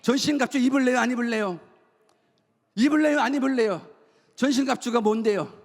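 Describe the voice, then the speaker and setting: A male pastor preaches in a very high voice, asking his congregation question after question and having them repeat lines back. His voice rings with the long reverb of a church sanctuary. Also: a little fast. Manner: asks the congregation many rhetorical questions; leads call-and-response repetition. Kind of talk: sermon.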